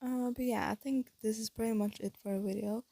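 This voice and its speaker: Holding her phone close, a teenage vlogger rambles briskly in a fairly high, steady, mellow voice that's breathy and stuffy-nosed, with a slight lisp from her retainers. She's hesitant and thinks aloud through many fillers and restarts, and there's no echo.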